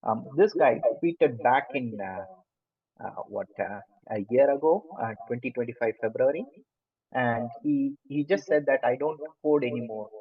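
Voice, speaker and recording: A lecturer with an Indian accent gives an online class, hesitant and full of fillers and restarts. His voice is medium-pitched, slightly rough, and at normal speed. He sounds far from the mic, coming through a muffled, phone-like line.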